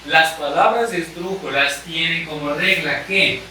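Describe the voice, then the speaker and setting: Slow, bright-voiced male teacher. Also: on the high side, a little hiss or hum. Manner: slow, deliberate, repeats key points. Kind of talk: classroom grammar lesson at a board. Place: room with a board. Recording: echoey room, mic far off.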